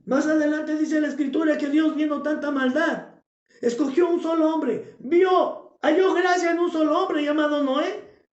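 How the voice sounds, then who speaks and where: A male preacher delivers a fervent sermon in a high voice, driving points home with shouts and repeated phrases. The recording is echoey and lo-fi, with a roomy, dull sound. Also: steady tone, a little slow. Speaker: pastor.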